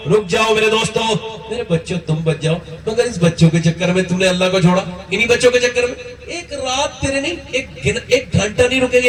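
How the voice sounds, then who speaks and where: Impassioned high-voiced male preacher. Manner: impassioned, emotional storytelling. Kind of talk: sermon. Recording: echoey hall, distant mic.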